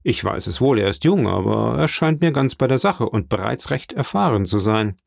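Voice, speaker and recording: A man reading the part of a hearty middle-aged shipowner in an audiobook, lively and confiding. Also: medium pitch, moderate pace, vocal fry, dry recording, studio quality.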